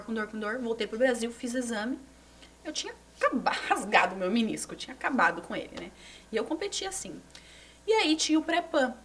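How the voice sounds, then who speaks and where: A woman in her thirties from Brazil, a former gymnast telling her story as a podcast guest, animated and repeating words for emphasis. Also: a little high, a little hiss or hum. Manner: animated, repeats words for emphasis, drops to near whisper at moments. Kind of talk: conversational storytelling. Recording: voice somewhat distant from the mic.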